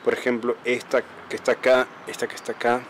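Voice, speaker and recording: A man walks through quiet city streets outdoors at dawn, reading shop signs aloud and spelling them letter by letter. His pitch sits in the middle for a man, and he talks casually, often repeating himself. Faint street noise and passing traffic sit under his voice. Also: monotone, quick pace. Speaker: travel vlogger.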